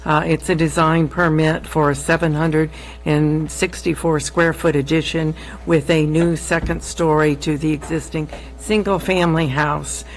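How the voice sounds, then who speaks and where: A woman's voice: deep voice, flat delivery, measured pace, low-quality recording. A woman with a troubled voice formally introducing an item as vice chair of a public meeting. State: voice troubled, throat-clearing. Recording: faint hum and noise.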